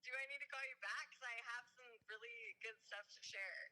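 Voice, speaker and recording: A woman calling in over a phone on speakerphone, chatting casually and in a lively, friendly way with friends who are recording a podcast. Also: a little high, a little fast. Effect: heard over a phone on speakerphone. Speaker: caller into a podcast.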